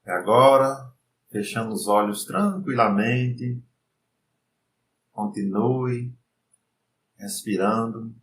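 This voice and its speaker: A Brazilian man guiding a breathing meditation as an instructor, in a calm, soothing, unhurried way with pauses. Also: on the low side, recorded from a distance. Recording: roomy echo, faint background noise.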